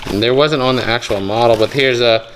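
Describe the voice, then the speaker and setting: A young man casually narrating a vlog as he digs through a storage unit, joking and thinking out loud. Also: medium pitch, a little fast, a little hiss or hum. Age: young adult. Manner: chatty, joking, thinking aloud while rummaging. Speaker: storage unit treasure hunter. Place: indoor metal storage unit.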